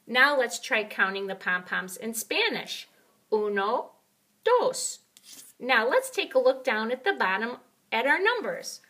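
A high-voiced woman in the manner of a kids show host. She teaches little ones slowly, with encouraging praise and sing-song questions addressed straight to them. Her delivery swoops up and down. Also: fairly bright tone, slightly rough. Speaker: children's counting teacher and host.

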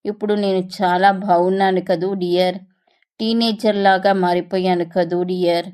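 A woman's voice: fairly low pitch, flat delivery, moderate pace, darkish tone, smooth, lightly acted. Audiobook: woman voicing a coaxing, affectionate young wife. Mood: chatty. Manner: pleading, sweet-talking. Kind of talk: audiobook story reading.

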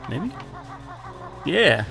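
A man co-hosting a casual let's play at a desk microphone, calmly explaining the game and swearing offhandedly. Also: fairly high pitch, drawn-out words, vocal fry. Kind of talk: casual gameplay commentary. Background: game music.

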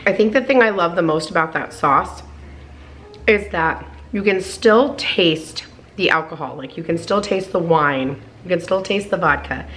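A woman's voice: fairly low pitch, moderate pace, a bit bright, soft background music. A woman in her thirties chatting her way through a home cooking video, gushing over the food and filling her talk with "like" and "oh my goodness.". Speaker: cooking vlogger. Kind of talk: casual cook-along narration. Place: home kitchen, indoors.

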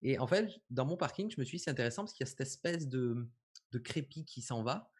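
A man's voice: medium pitch, expressive, fast, husky. A man giving a casual live tutorial on visual effects, explaining step by step with lots of fillers. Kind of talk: live software tutorial chat.

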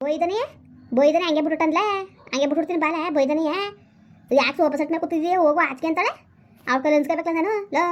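An actor playing a furious old village mother, high shrill voice, cursing at breakneck speed, dull lo-fi sound. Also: natural voice. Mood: bitter, scolding. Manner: rapid shrill cursing tirade. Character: fiery old village mother scolding her grown son. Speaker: mother in a village comedy skit. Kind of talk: rural comedy skit acting. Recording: dull lo-fi recording.

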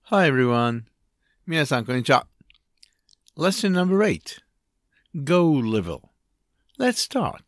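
Guy teaching kids english, slow and patient, bouncy up-and-down voice, dry close sound. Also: on the high side, big pitch swings, dry recording. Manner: slow, patient, spells words letter by letter; switches between English and Japanese. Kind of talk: children's English lesson.

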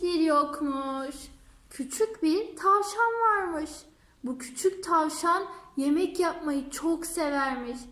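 A woman narrates a fairy tale for children, her voice very high and bright. She tells it slowly and carefully. The sound has a roomy echo. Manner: slow, warm-paced storytelling. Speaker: storyteller. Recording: echoey room.

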